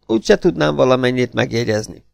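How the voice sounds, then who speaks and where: A man's voice: mid-range voice, lively intonation, vocal fry, no echo, studio quality. A man voicing a composed, prim young woman who answers with cutting politeness in an audiobook reading. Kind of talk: audiobook character voice.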